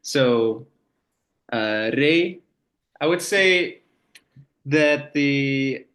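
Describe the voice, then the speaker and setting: A man teaching a language casually, unhurried and hesitant, with many filler words. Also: medium pitch, animated, a bit bright. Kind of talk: casual lesson.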